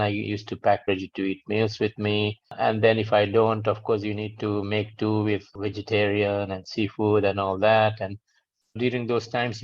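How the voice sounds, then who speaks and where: Guest, man, 50s, from Sri Lanka; low, flat delivery over dull lo-fi audio, easygoing with frequent laughs. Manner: relaxed, laughs often, hesitant restarts. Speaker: guest, founder of a travel rating firm. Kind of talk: conversational interview answers.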